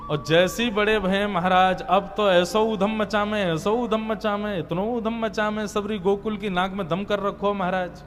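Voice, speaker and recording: A man delivering a sermon, telling a devotional story and chanting verses. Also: high-pitched. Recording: long hall reverb with soft music behind.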